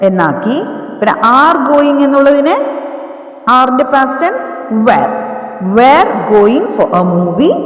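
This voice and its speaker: A woman teaching English grammar, explaining in Malayalam and dictating example sentences slowly word by word. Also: fairly high pitch. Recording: echoey room, voice from a distance.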